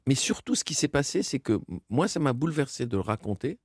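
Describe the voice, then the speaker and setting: A man being interviewed on radio, recounting memories haltingly with many fillers. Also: medium pitch, sing-song, slightly rough, dry recording, clean studio sound. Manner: halting, moved storytelling with fillers. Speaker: interview guest, performer.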